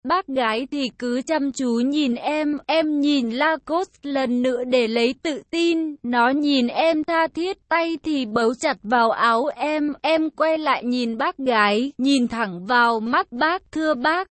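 A woman's voice: sits high, slow pace, hardly any pauses, no room sound. A woman narrating a dramatic first-person story with emotional telling.

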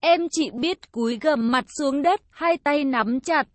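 Woman, storyteller, emotional narration, high pitch, dry studio sound. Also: measured pace, no room sound. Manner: dramatic, emotional telling. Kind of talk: first-person story narration.

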